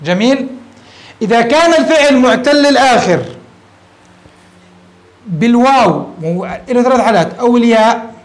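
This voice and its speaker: Standing at a whiteboard, a sheikh teaches his class grammar, explaining step by step and asking his students questions. His voice is very high, with lively intonation, a moderate pace and long pauses, and the audio is poor.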